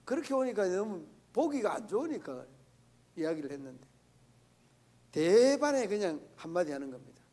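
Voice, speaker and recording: A man's voice: high-pitched, very animated, normal speed, mellow. A man preaching a sermon to his congregation at a church prayer meeting, in a conversational way that keeps asking the listeners questions. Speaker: pastor.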